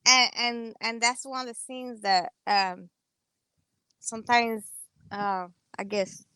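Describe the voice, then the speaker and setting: Bright-voiced Cuban woman with Spanish accent. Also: fairly high pitch, clean tone, no room sound, poor audio. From Cuba. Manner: talks animatedly with loud bursts and quick trailing asides. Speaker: guest, Army veteran and entrepreneur. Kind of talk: casual interview conversation. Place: outdoors on a sunny patio. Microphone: wired earbud headset on a video call.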